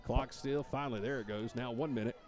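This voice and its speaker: A man calling high school football play-by-play, rising to shouts on big plays. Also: steady tone, brisk. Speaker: play-by-play announcer.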